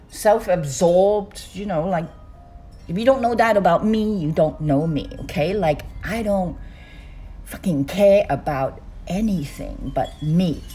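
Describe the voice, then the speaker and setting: An older woman from Hong Kong vlogs a casual monologue to her phone, which sits on a stand close to her in a small room. She rambles slowly, gesturing with both hands, her pitch swooping all over the place.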